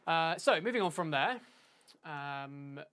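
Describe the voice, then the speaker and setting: A man's voice: fairly high pitch, animated, slow pace, a bit bright. Man scatting drum patterns while teaching. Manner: casual, vocalizes drum patterns with syllables; hesitant, many fillers and self-corrections. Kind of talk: live-streamed drum lesson.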